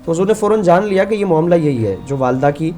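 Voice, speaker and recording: A man with a slightly high, expressive, mellow voice appears as a religious scholar on a call-in show. He earnestly tells a story, voicing its figures himself.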